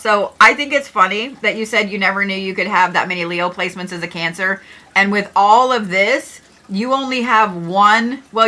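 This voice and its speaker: A woman's voice: medium pitch, bright, forceful tone. A middle-aged woman hosting an astrology livestream, chatting casually and joking with viewers, with the odd swear word.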